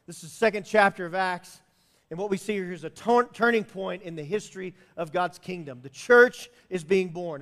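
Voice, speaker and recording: A male pastor preaching a sermon and telling a personal story, swinging between loud, emphatic bursts and hushed asides. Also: sits high, big-room sound.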